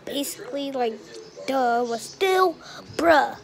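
A woman's voice: sits high, expressive, slow, creaky. A woman chatting casually to the camera in a rambling, giggly way and talking to her dog. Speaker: video maker.

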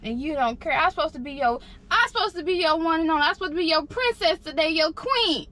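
A young woman, loudly and playfully insisting in a prank vlog. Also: very high voice, animated, quick pace. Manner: loud, insistent, teasing. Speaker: vlogger, prank couple channel.

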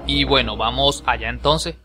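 Excitable man playing a game. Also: mid-range voice, moderate pace. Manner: excitable, swears and yelps when attacked. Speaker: gameplay commentator. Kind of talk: let's play commentary. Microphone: home voice recording over game capture. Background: game music.

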